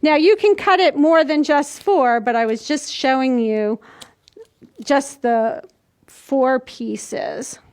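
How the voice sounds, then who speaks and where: Her voice sits high, a little mellow and clean, and she takes things slowly: a woman in her sixties leading a children's storytime, demonstrating and explaining in simple steps to young kids. She's indoors in a small plain room, with the camera a few feet away.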